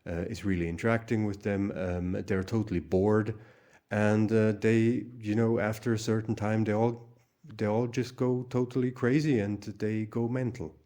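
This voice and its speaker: A man's voice: lowish voice, flat delivery, normal speed, mellow. A Hungarian-born man hosting his own channel, talking in a casual, rambling monologue full of fillers and restarts. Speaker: channel host.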